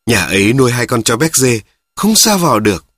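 A man's voice: medium pitch, big pitch swings, fairly quick, a bit bright, no room sound, clean studio sound. A man reading a story, voicing a curt and sulky youngest daughter. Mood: irritable.

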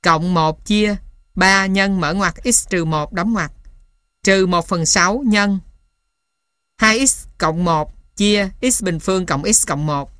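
Slow, low-pitched woman dictating. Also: fairly bright tone, dry recording, studio quality. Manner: dictating symbols and punctuation one piece at a time. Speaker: maths instructor reading out textbook material. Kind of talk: scripted dictation of maths formulas.

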